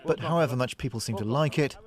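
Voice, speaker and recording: A man's voice: mid-range voice, fast, a crowd in the background. A man narrating a scripted radio feature as a reporter.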